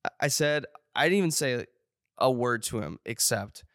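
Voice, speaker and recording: A man's voice: medium pitch, lively intonation, moderate pace, fairly bright tone, dry recording, clean studio sound. A young man co-hosting a podcast, rambling through a story with lots of filler words. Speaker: podcast co-host. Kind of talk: casual podcast chat.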